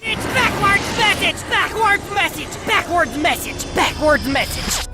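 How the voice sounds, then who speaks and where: A woman's voice: very high voice, sing-song, unhurried, loud music behind the voice, over a noisy crowd, full character voice. A woman's voice from a cartoon clip, played backwards.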